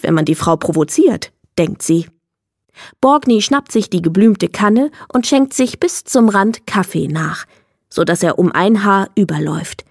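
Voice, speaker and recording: A woman narrating a children's audiobook in a clear, measured storytelling voice. Her pitch sits in a middle range. The recording is dry and close, with no room sound. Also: darkish tone, dry recording. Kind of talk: children's book reading.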